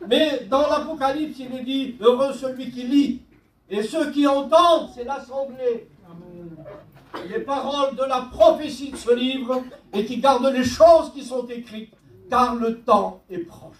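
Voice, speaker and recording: With a very high voice and an unhurried, deliberate delivery, a male pastor preaches a sermon, quoting scripture line by line. The audio is roomy and distant, as if the mic were across a church hall.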